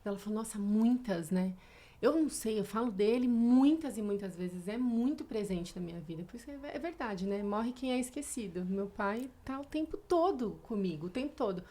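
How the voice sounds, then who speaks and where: A woman's voice: mid-range voice, lively intonation, normal speed, warm tone. A Brazilian woman in her thirties, a podcast guest telling her own story in a reflective, emotional way. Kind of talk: casual podcast conversation.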